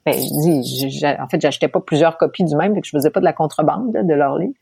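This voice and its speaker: A woman from Quebec with a Québécois accent, telling her story as an interview guest, animated and laughing often. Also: deep voice, quick pace, gravelly, slightly rough, no room sound, clean studio sound. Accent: Québécois French. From Quebec, Canada.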